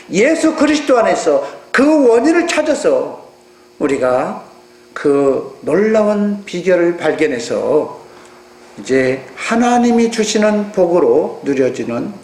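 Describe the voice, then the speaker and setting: High-voiced pastor with a Jeolla accent. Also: male voice, creaky. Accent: Jeolla Korean. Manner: animated preaching with rhetorical questions to the congregation. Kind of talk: sermon. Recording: echoey room with mains hum.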